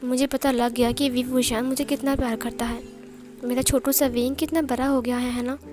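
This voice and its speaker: A woman voicing a devoted young man who pleads softly with his beloved in a read-aloud story. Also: high voice, flat delivery, moderate pace, music in the background, natural voice. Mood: tender.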